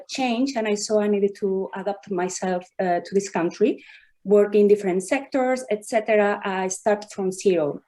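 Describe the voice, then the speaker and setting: Woman, thirties, Spanish accent, careful halting phrasing, video call, mid pitch. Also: dark tone. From southern Spain. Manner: slow, careful, non-native phrasing with filler pauses. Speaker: contestant artist. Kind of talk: presenting her work on a video call.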